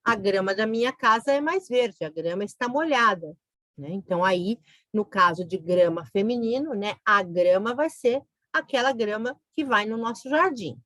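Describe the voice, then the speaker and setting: A woman's voice: medium pitch, animated, moderate pace, a bit bright, no room sound. A woman teaching a grammar lesson, explaining patiently and checking in with the listener. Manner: explains patiently, often adds "né?".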